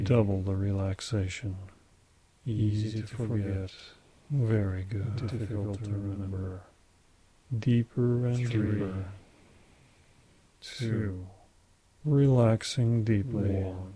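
Guy doing a hypnosis script, counting down, super dark mellow tone, kinda low. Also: fairly even intonation. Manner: slow, soft, repetitive counting.

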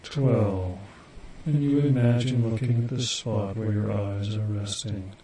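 A man guiding a hypnosis induction, speaking slow, soothing, repetitive suggestions. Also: fairly low pitch, fairly even intonation, dark tone, slightly rough.

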